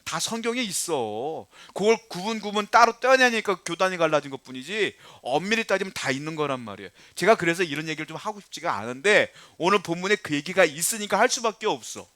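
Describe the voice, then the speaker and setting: Middle-aged male pastor, conversational sermon delivery with loud emphatic repetition; bright, slightly high voice, dry close recording. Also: expressive, fast, hardly any pauses, dry recording. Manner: conversational preaching, swings between quiet asides and loud emphatic repetition; acts out nagging parents and quoted voices.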